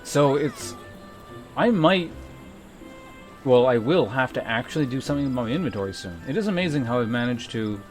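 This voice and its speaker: A man streams a game playthrough, chatting casually as he goes. His voice is of ordinary male pitch, with music clearly audible behind it. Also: animated, moderate pace, long pauses.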